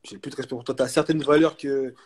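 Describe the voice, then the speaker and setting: A young man chatting casually as a guest, telling a story in animated street slang and repeating himself for emphasis. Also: mid-range voice, fast talker, husky. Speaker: guest, basketball player.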